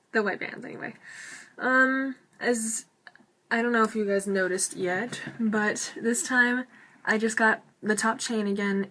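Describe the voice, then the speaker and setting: A woman talks with braces in a casual vlog style, her voice sitting at a medium pitch. She is chatty and rambles along, often breaking into her own sentences to add an aside. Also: sharp tone. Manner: talking with braces; rambling, chatty, self-interrupting. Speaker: vlogger. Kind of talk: casual chat to camera.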